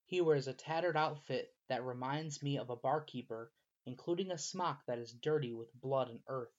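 A man narrating a first-person fantasy story in a steady, measured storytelling manner, slightly muffled recording. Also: medium pitch.

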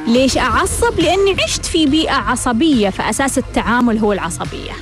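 A woman hosts a self-help show in a high, lively voice that swings widely in pitch. She keeps posing rhetorical questions and answering them herself, while faint music plays underneath. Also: quick pace. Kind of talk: scripted self-help monologue.

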